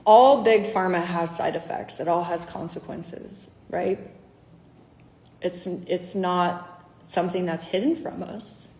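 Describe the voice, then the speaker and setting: A woman's voice: fairly low pitch, slow, darkish tone, roomy sound, a little hiss or hum. Chatty woman, health coach. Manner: chatty, candid, acts out dialogue. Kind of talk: casual talk to followers.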